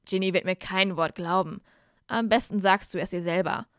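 A worried young wizard, voiced by a woman reading aloud, hesitant and a little lower than her own voice. The sound is dry and close, like a home audiobook. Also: normal speed, no room sound, close to an everyday voice. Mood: stammering. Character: worried young male wizard, best friend.

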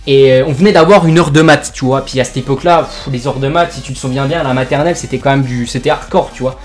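A man's voice: medium pitch, fast, faint music behind. A young man from France, a gaming YouTuber, tells a made-up joke story over gameplay in rambling, jokey slang full of fillers.

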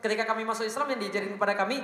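Fast-talking male preacher in an echoey hall. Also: high-pitched. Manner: animated, acts out quoted parents, laughs at himself. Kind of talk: lively sermon talk to an audience. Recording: roomy hall with long reverb.

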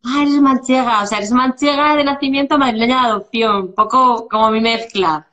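A woman in her forties with a Spanish accent from Spain hosts a live video-call interview from a room at home, speaking through a webcam. She's chatty and restarts often, with a fairly high, a bit bright voice at a slightly fast pace.

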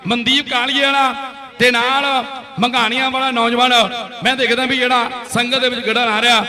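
A man with a Punjabi accent doing frantic, excited rural kabaddi commentary, repeating words and names. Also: extremely high pitch, a little fast, a crowd in the background. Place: outdoor village kabaddi tournament.

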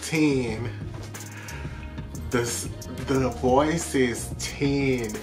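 A man with an American accent talking as a sassy, effusive drag queen host, casually reacting to a music video with drawn-out emphasis. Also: mid-range voice.

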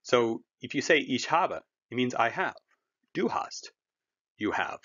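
A man walks learners through a German lesson in a patient, conversational way. His pitch rises and falls animatedly, and the recording sounds dull and lo-fi. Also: very animated, a little slow, a bit bright. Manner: patient, conversational, explains with everyday comparisons. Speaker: German teacher. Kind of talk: classroom language lesson.

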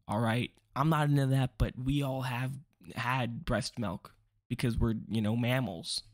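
A young male vlogger with a mid-range voice rambles through a casual commentary video, often interrupting himself and cracking jokes. The recording is clean and studio-like, with no room sound.

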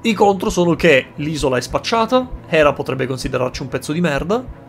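A man commentating his game playthrough, exclaiming and swearing freely and weighing choices out loud. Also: on the high side, expressive, a little fast, creaky, faint music behind. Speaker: gaming streamer. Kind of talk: excited let's-play commentary.

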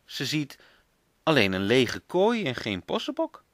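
A man's voice: mid-range voice, unhurried, dry recording. A man reading a children's book aloud as a parent, telling it expressively. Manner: expressive storytelling.

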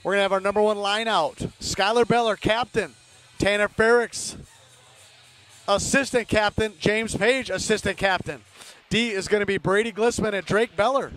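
Soft music plays behind a man whose high-pitched, fairly bright voice holds a steady tone at normal speed. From the stands at an indoor ice rink, he gives amateur hockey play-by-play in clipped, player-naming phrases, clearly pulling for the home team.

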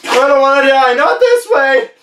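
A man's voice: lively intonation, brisk, natural voice. A man doing a twangy balloon-blower in a panic. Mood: panicked. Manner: drawling put-on accent turning to frantic high-pitched pleading. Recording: echoey room, mic at a distance.

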